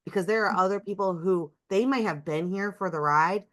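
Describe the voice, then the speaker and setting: A woman's voice: medium pitch, brisk. A woman in a casual podcast conversation, thoughtfully picking up on points the others have made.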